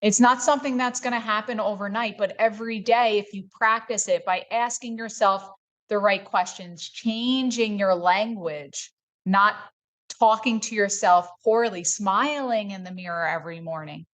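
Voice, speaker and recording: A woman hosting a wellness podcast, talking in a calm, coaching way in casual chat. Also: mid-range voice, normal speed. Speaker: podcast host, wellness doctor.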